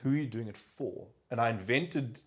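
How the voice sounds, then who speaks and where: A man's voice: medium pitch, normal speed. A South African man hosting a podcast, telling stories in a casual chat and acting out the voices of people he quotes. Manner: animated storyteller, acts out quoted voices. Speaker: podcast host.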